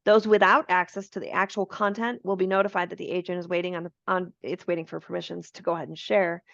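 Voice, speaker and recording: A woman co-hosting a business webinar, walking through software features step by step in a friendly, informal way over a video call. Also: fairly low pitch, level tone, fast talker, gravelly, no room sound, dull audio. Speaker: webinar co-presenter.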